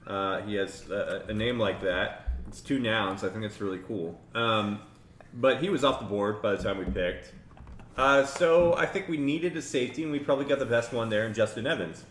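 A man's voice: fairly low pitch, normal speed. Guy rambling about football on a podcast, echoey room. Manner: rambling, chuckling, self-interrupting. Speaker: podcast host. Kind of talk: casual sports chat. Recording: echoey room with faint noise.

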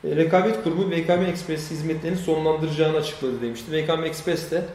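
A man co-hosting a casual tech news chat, quick and chatty with hesitant fillers. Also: a little high, fairly even intonation, darkish tone. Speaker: co-host. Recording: very echoey room, faint ambience.

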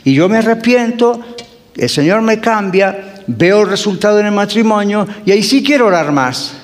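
High-voiced pastor preaching in a reverberant hall. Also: male voice, expressive, normal speed. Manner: conversational, asks the congregation questions, acts out dialogues. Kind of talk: sermon.

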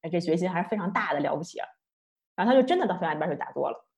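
A woman giving an online lecture, telling a story in a chatty, lively way. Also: fairly low pitch, rapid-fire. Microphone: online talk, computer mic.

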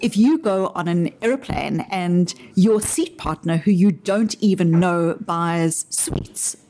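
A woman with a South African accent, answering interview questions in a measured, articulate way and using everyday examples to make her points. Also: fairly low pitch, warm tone, slight background noise. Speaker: interview guest explaining her framework.

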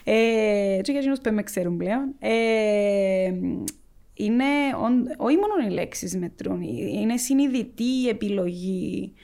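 A woman speaks with a Cypriot Greek accent and a noticeably creaky voice at a medium pitch. She answers as an interview guest, conversational and hesitant, working out her thoughts as she goes. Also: dark tone. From Cyprus.

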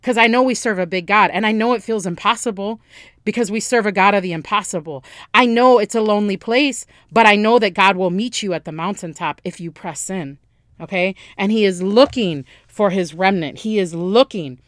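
A woman's voice: medium pitch, moderate pace, dry recording, clean studio sound. A woman preaching a sermon with passion, repeating phrases and restarting her sentences.

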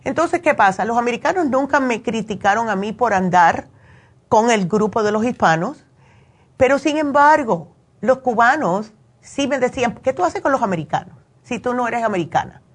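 Her voice is on the high side and husky, with lively intonation at a normal speed. She's a Cuban-born, US-raised radio call-in host who shares advice and personal anecdotes in a chatty way, regularly checking for agreement with tag questions.

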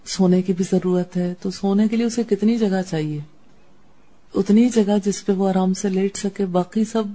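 A woman's voice: medium pitch, dark tone. A woman teaching a religious class, lecturing and pressing her students with questions.

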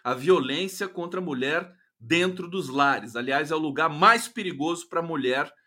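A man's voice: on the high side, moderate pace, pushed and bright. A man with a Brazilian Portuguese accent hosting a live stream of casual political commentary, sarcastic and profane, often ending phrases with a tag question.

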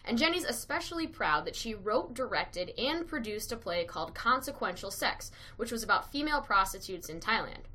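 A woman narrating a feature profile from a script. Her voice is bright and forceful, and her delivery is steady and clear. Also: mid-range voice. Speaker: host, narrator.

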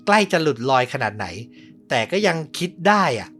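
A man narrates a true-crime podcast story in a relaxed, conversational voice, stopping now and then to give his own view of what happened. Faint music plays softly underneath. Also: a little high, brisk. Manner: conversational, adds personal comments to the story.

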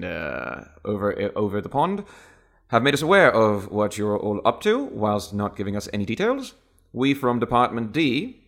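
A man's voice: lowish voice, fairly bright tone. A man voicing a posh, formal British diplomat with a put-on upper-class British accent, clipped and courteous.

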